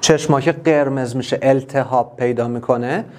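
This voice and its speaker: A man with a Persian accent teaching an English class online, explaining each word step by step and repeating it slowly. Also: medium pitch, darkish tone.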